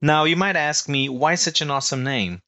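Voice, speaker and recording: A man's voice: a little high, moderate pace, pushed and bright. A man from Portugal with a Portuguese accent, hosting a podcast interview in an upbeat, friendly way. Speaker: podcast host, chef.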